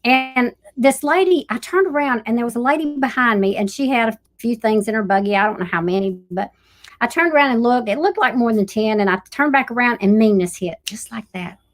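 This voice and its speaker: A woman's voice: on the high side, fairly quick. A middle-aged woman with a Southern US accent, chatting on a live stream and telling prank stories, acting out what other people said. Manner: lively prankster storyteller who acts out other people's lines. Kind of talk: casual chat on a live stream.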